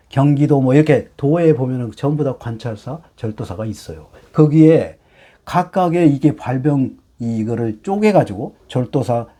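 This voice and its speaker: A middle-aged man teaching hanja in a lecture, explaining slowly with many fillers and rhetorical questions. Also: medium pitch, mellow.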